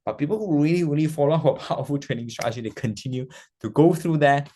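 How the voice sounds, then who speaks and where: Animated man teaching a trading lesson. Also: fairly high pitch, fast talker. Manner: animated, acts out an anxious investor's inner voice; repeats phrases for emphasis. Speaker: trading mentor. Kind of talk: live-streamed trading lesson.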